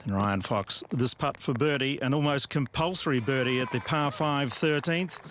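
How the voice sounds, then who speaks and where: Male golf commentator, analyst type, clipped descriptive phrasing, medium pitch, light ambient noise behind. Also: normal speed. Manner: descriptive, clipped present-tense phrases following play. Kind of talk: measured golf tournament commentary.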